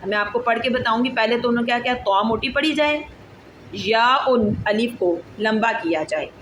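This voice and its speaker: A woman's voice: fairly high pitch, fairly bright tone. Woman teaching recitation in an echoey room. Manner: patient, drills syllables slowly and asks pupils check questions. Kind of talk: online class lesson. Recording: echoey room with clear background noise.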